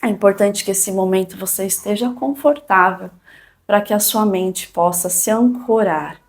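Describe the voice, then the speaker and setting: A woman with a Brazilian accent leading a yoga and meditation class in a calm, gentle, soothing manner. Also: mid-range voice, normal speed. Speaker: yoga instructor.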